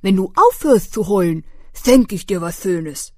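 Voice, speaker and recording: A woman's voice: mid-range voice, animated, a little slow, warm tone, dry recording, clean studio sound. A woman voicing a chubby male mole in a children's storybook, blunt and cheeky. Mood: coaxing.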